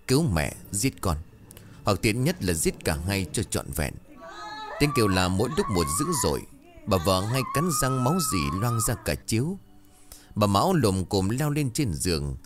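A man narrating a horror story in a dramatic, lively storytelling manner. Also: lowish voice.

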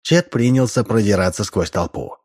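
Man with a low voice narrating. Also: animated, moderate pace, darkish tone. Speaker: audiobook narrator. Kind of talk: scripted narration.

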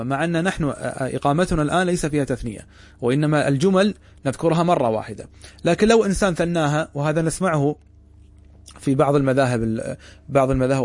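A man lecturing a class as a religious teacher at a brisk clip, in a fairly high voice. He tosses questions at his listeners and answers them himself. The sound is dry and close. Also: darkish tone, no room sound.

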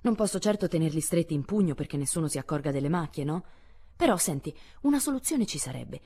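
A woman reading an audiobook, voicing a careless, tomboyish teenage girl who speaks bluntly with a husky edge. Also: low voice, expressive, fast talker, dark tone, exaggerated voice. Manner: blunt, offhand.

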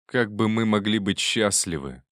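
A heartsick man in love, read by a male narrator in a storybook reading. His voice is low and pleading. The sound is dry and close. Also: expressive, moderate pace, a bit bright, no room sound.

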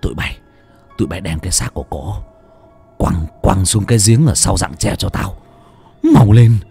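A man's voice: low voice, expressive, slow, creaky, a little mellow, slightly rough, soft background music, voice pushed down, heavily acted. A man voicing a brutal old village father who stammers and repeats his words. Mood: barking orders.

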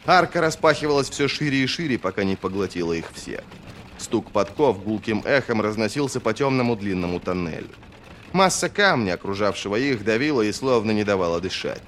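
A low-pitched male narrator reads a fantasy novel in a steady, expressive way. A faint hiss sits under the voice throughout. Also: fairly quick. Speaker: audiobook narrator.

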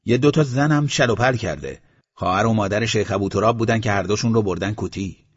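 A male audiobook narrator voicing a chatty male customer passing on gossip, in a husky voice on a slightly muffled recording. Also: on the low side, lively intonation. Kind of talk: audiobook character voice.

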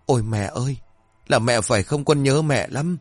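A man's voice: mid-range voice, normal speed, no room sound, voice pushed up, close to an everyday voice. A man voicing a tearful, clingy older village man who whimpers as he speaks. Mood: sobbing.

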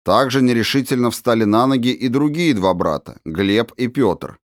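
A man narrating a children's storybook in an expressive, dramatic way. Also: medium pitch, moderate pace, dry recording, clean studio sound. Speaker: audiobook narrator.

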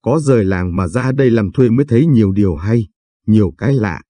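A man's voice: lowish voice, lively intonation, brisk, dark tone, no room sound. A man voicing a gossipy middle-aged woman who picks oranges, in a storybook reading. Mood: chatty. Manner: gossipy, talkative.

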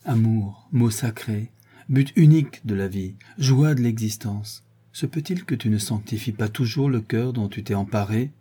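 A man reading a novel aloud as narrator in a calm, measured way. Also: fairly low pitch, slightly rough. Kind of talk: audiobook reading.

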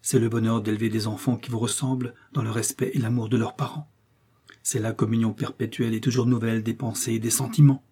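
A man's voice: mid-range voice, little pitch movement, dark tone, husky, lightly acted. A man reading a grave young man. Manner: grave and measured. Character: earnest young man, grave, sorrowful friend. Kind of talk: audiobook character reading.

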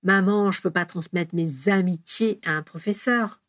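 A woman voicing an excited, breathless young boy who teases his brother, reading aloud in a dry, close recording. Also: lowish voice, moderate pace, lightly acted. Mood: teasing.

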